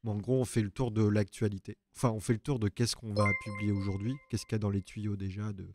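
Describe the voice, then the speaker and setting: A man's voice: fairly low pitch, little pitch movement, fast, background noise. A man who works as a journalist on an ecology desk, explaining at length and thinking aloud in a casual live chat from an open newsroom.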